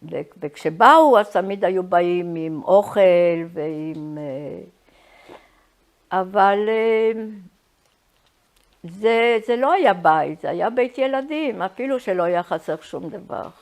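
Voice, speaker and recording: A woman in her eighties sharing personal memories in a reminiscing style, often halting to search for words. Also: mid-range voice, animated. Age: 80s. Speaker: Holocaust survivor giving testimony.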